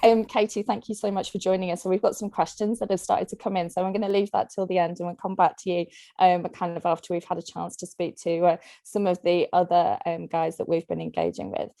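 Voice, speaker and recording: A woman's voice: fairly low pitch, steady tone, fairly quick, gravelly, hardly any pauses, mellow, no room sound. A woman moderating an online panel, chatty and loose, with many "um" and "kind of" fillers.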